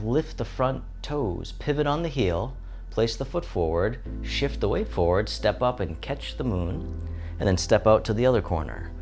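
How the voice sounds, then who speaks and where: A man giving serene, gentle tai chi instruction in short, soothing guided movement cues. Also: mid-range voice. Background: instrumental music.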